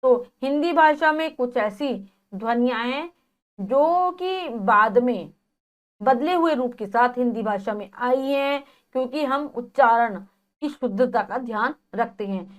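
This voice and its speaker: A woman's voice: on the high side, moderate pace. Woman teacher explaining a grammar lesson. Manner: explains, then repeats points with rhetorical questions.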